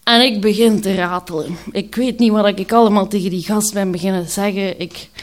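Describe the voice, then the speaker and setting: A woman with a Flemish accent telling a personal story, candid and halting, with many pauses and hesitations. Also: medium pitch, fairly even intonation.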